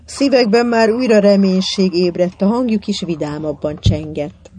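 An audiobook narrator reading a children's adventure novel in an even storytelling manner. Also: mid-range voice, breathy edge. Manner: even storytelling, lively in dialogue.

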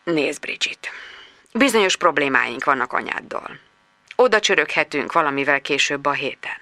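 A woman voicing a weary older father who speaks low and hushed, half in a whisper. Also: expressive, no echo, exaggerated voice. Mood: evasive.

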